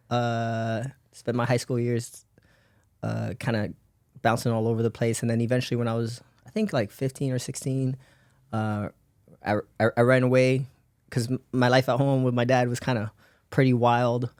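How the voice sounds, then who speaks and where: A man's voice: mid-range voice, fairly even intonation, normal speed, a little mellow, smooth, no echo, studio quality. Rambling man telling his life story. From raised in Belgium. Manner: rambling, laughs often, many fillers. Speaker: podcast guest. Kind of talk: casual life-story interview.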